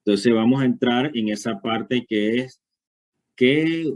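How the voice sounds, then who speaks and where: A man's voice: mid-range voice, slow, darkish tone. A man giving a university lecture, explaining step by step and checking understanding with frequent short questions.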